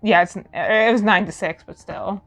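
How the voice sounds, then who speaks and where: A woman's voice: medium pitch, unhurried, fairly bright tone, faint music behind. A young woman co-hosting a podcast, chatty and giggly as she reads out her research notes. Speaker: podcast co-host presenting research. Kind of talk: casual podcast chat. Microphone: studio mic.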